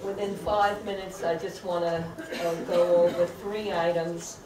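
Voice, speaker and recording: An older woman addresses a crowded council chamber during public comment, her lowish voice slow, flat and deliberate, halting with frequent "uh"s. Her podium mic is picked up by a far-off camera, so the large room sounds echoey and crowd noise carries through.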